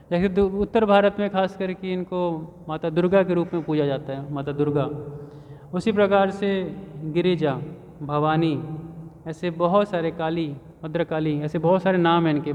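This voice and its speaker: A man telling a devotional story as a sermon, narrating with frequent rhetorical questions in a temple hall. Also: a little high. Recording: dull reverberant hall sound.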